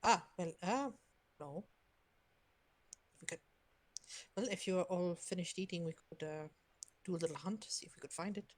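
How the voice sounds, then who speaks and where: A woman playing a tabletop game in character, soft-spoken and hesitant. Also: lowish voice, normal speed, long pauses. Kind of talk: in-character tabletop role-play.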